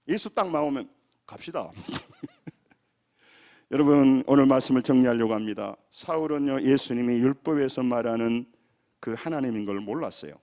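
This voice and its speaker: A man preaching a Sunday sermon as pastor of a church, with a Jeolla accent, moving between loud calls and quiet, low passages. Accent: Gwangju Jeolla. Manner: animated preaching, shifts from shouted calls to low quiet close. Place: church sanctuary.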